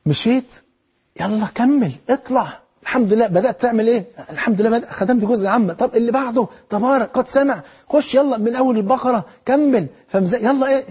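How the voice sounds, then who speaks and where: A man with an Egyptian Arabic accent giving a lively colloquial sermon, exhorting the listener directly. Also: extremely high pitch, fast talker, husky. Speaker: preacher.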